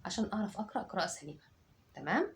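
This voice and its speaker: A woman's voice: mid-range voice, sing-song, racing, vocal fry. An Egyptian woman teaching children phonics, her voice rising and falling with a lot of life as she drills each sound aloud. She keeps checking that they follow, over a faint hiss in the background. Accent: Egyptian Arabic. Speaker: English teacher.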